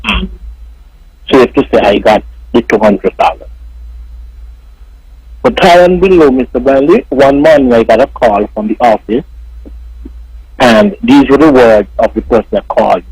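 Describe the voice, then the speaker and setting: A man's voice: mid-range voice, a little slow, pauses often, a little mellow, dry recording. A man from Saint Kitts, calling a talk radio show over the phone and speaking formally to the host. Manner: formal, keeps addressing the host as Mister. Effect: heard over a phone line. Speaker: radio call-in caller. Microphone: telephone. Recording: dry, husky phone-line audio.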